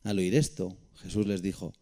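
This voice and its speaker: Low, mellow-voiced Spanish preacher. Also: male voice, flat delivery, moderate pace. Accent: Peninsular Spanish. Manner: conversational, reads verses aloud with asides to listeners. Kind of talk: Bible study sermon with scripture reading.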